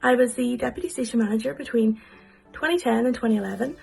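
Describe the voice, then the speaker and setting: A woman's voice: on the high side, quick pace, creaky, darkish tone, husky, soft background music. A woman in her thirties giving a friendly recorded introduction. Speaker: former deputy station manager.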